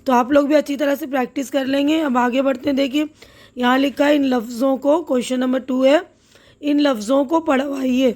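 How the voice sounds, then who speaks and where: Woman, high voice, patient teacher, spells words out slowly, checks in often. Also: steady tone, darkish tone. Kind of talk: step-by-step classroom lesson.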